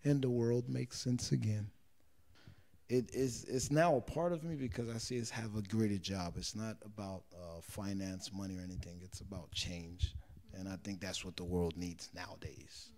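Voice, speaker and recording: A low-pitched man in his thirties, born and raised in Israel, talks earnestly about his life as a street singer. He gropes for words and circles back over phrases. He speaks into a handheld mic held close in a small living room. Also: steady tone, normal speed, darkish tone. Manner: earnest, searching for words, repeats himself. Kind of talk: interview answers. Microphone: handheld interviewer mic.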